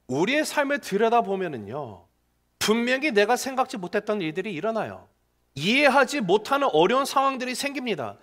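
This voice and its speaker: A middle-aged male pastor preaching a sermon to his congregation, animated and conversational, acting out biblical figures in casual everyday speech. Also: very high voice.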